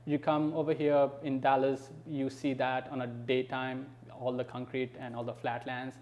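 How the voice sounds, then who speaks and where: A man's voice: mid-range voice, little pitch movement, normal speed, lo-fi sound, slight background noise. A young man from Nepal, chatting loosely as a podcast guest with plenty of fillers. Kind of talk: casual conversation.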